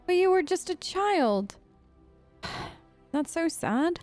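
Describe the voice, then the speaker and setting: A woman hosts a role-play let's play, chatting casually in character with earnest playfulness as she comments on the game. Her voice is very high, sing-song and darkish in tone, and she takes it slowly over soft background music.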